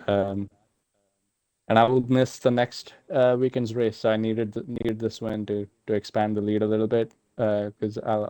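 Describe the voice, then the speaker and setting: A man speaks in a low, mellow voice, stopping and restarting often as he talks through his race win. The sound is dry and close, like a voice-call mic. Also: dry recording. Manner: halting, many fillers and restarts. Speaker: sim racing driver, race winner. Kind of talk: casual post-race interview.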